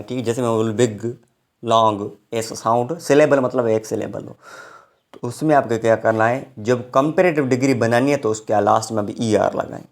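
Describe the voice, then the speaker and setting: Patient male grammar teacher. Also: mid-range voice. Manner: explains slowly, with frequent check-ins. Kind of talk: recorded online grammar lecture.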